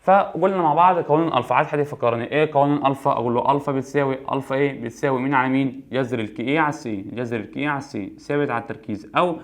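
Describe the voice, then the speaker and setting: A chemistry teacher with an Egyptian Arabic accent runs an exam review in a medium-pitched voice, talking at a racing pace with hardly any pauses. He poses questions, answers them himself, and repeats the key points.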